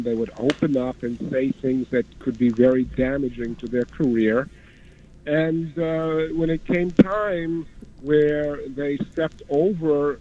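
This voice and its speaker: A man calling in to a radio show by phone, telling a personal account in a halting, hesitant way. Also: mid-range voice, dark tone. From Queens, New York. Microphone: telephone. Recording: dull, band-limited phone line.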